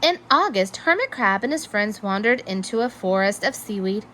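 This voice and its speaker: A woman reading a children's story aloud in an expressive, measured storytelling manner. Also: medium pitch, slight background noise. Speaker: storybook reader. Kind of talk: children's read-aloud narration.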